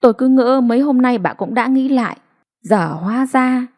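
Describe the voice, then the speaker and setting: A woman voicing a mild older father who speaks softly to calm his wife, in an audiobook reading. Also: high voice, moderate pace, voice pushed up. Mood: coaxing. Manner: soft, coaxing.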